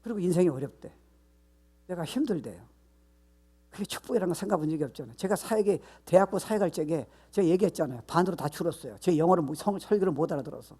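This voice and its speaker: A man preaching a Sunday sermon as pastor, mixing in English phrases and building to loud, emphatic repeated questions. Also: a little high, expressive, quick pace, husky. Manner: switches between Korean and English, rising to loud emphatic shouts.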